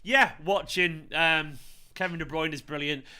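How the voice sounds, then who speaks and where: A man from Manchester with a Mancunian accent, hosting a fan channel with an excited, emphatic football match reaction that repeats phrases for effect. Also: on the high side, unhurried, clean tone. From Manchester, England.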